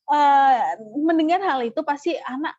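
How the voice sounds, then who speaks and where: A woman leading an online parenting workshop, animated and acting out parent-child dialogues. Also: sits high, moderate pace, no echo, muffled recording. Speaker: parenting trainer.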